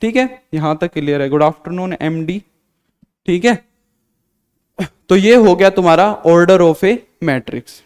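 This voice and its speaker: High-voiced man teaching a live maths class. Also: a little mellow, smooth, big-room sound. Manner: repetitive question-and-answer drilling, calls students beta. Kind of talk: live online class lecture.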